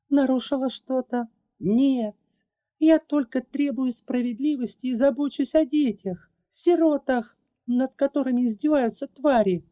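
A woman voicing a fierce young dragoness who defends orphans, accusing and high-strung. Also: mellow, muffled recording. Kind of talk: audiobook character voice.

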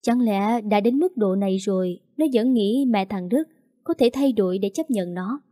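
A woman's voice: mid-range voice, moderate pace, warm tone, dry recording, studio quality. A woman narrating a first-person story as the older sister, speaking firmly and indignantly. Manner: firm, indignant, scolding.

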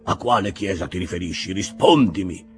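A man voicing a stern, pious old whaling captain with a deep, sepulchral voice and a slow, severe delivery. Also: over music, close to an everyday voice.

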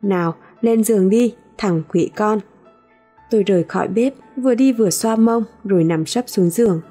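A woman reads a first-person novel as an audiobook in a measured storytelling voice. Her tone is mellow and slightly breathy, with soft music faintly behind her. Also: medium pitch. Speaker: audiobook narrator.

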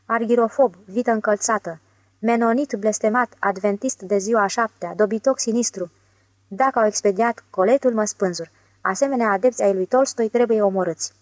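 A glib young swindler who talks his way around anyone, sarcastic one moment and wheedling the next, as a woman reading an audiobook puts him on. The voice sits at a middle pitch. It is dry and close, with no room around it. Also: dry recording, natural voice. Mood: muttering angry. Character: scheming smooth-talking young male con man. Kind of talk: audiobook character voice.

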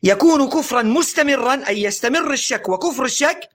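A man giving a religious lesson in an earnest lecturing tone, often urging listeners to pay attention, stressing phrases slowly and letting his voice drop at the ends of sentences. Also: very high-pitched, lively intonation, fairly bright tone. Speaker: religious teacher.

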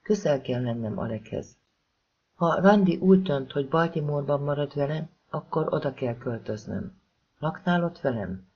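An audiobook narrator voicing a grown man who speaks quietly and sincerely. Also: medium pitch, expressive, a little hiss or hum, lightly acted. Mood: earnest. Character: earnest, tender grown man in love. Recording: slightly dull lo-fi recording.

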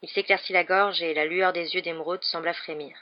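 An audiobook reader narrating a French novel in a steady, measured way. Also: medium pitch. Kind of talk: scripted narration. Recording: dull lo-fi audio.

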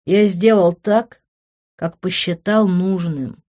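A reader voicing a hot-headed young man who shouts in rage and turns cold and bitter. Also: mid-range voice, moderate pace, lo-fi sound, voice pushed up, lightly acted.

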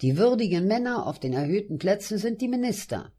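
A man's voice: high-pitched, sing-song, brisk, warm tone, pitched above the performer's own voice. A man voicing a young man who scornfully explains things to a friend, in a sardonic tone. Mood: scornful lecturing.

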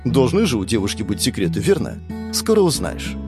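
A man's voice: fairly low pitch, huge pitch swings, brisk, music in the background. A man voicing a young, playful princess who teases with a coy manner. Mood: coy teasing.

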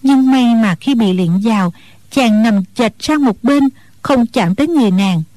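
Higher-voiced woman narrating a storybook. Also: lively intonation, measured pace, mellow, no echo. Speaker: audiobook narrator.

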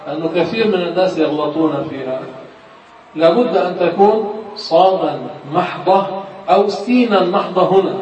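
A man teaching Quran recitation, explaining patiently and sounding out each example slowly. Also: fairly high pitch. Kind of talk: classroom instruction. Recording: distant, echoey, muffled room recording.

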